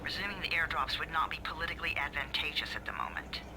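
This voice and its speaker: An actor playing a cold, sardonic agency handler in a video game, formal and condescending, heard through a walkie-talkie. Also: male voice, a little high, expressive, fast talker. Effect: two-way radio, thin walkie-talkie sound. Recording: noisy, telephone-like radio transmission.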